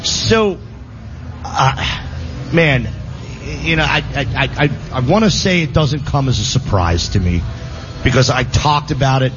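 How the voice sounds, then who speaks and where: A sports talk show host with a medium-pitched voice speaks in an animated, unhurried way, full of restarts and fillers. The casual radio chat comes through slightly muffled broadcast audio with music playing behind him.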